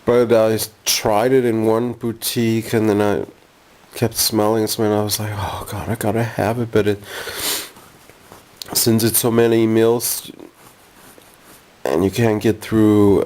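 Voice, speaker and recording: In his bedroom at home, a jet-lagged male vlogger rambles casually through a haul video, easily getting sidetracked. His voice is lowish and a little mellow.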